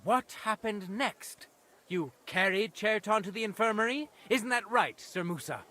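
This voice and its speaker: An actor playing a haughty lord judging a murder case in a video game, imperious and contemptuous. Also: male voice, high voice, unhurried, pushed and bright. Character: haughty noble judge, lord presiding over trial.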